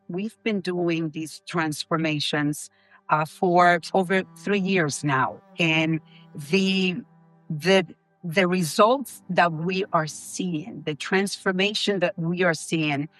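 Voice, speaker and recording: A woman's voice: lowish voice, a bit bright. Interview guest, woman from the Dominican Republic, eager and emphatic, faint music underneath. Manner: enthusiastic, emphatic, repetitive. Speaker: guest, co-founder of a leadership program. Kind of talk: interview answers.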